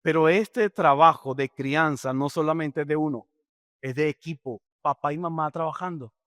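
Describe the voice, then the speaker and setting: A man's voice: on the high side, moderate pace, a bit bright, dry recording. A middle-aged man preaching a sermon as a pastor, speaking directly and asking rhetorical questions.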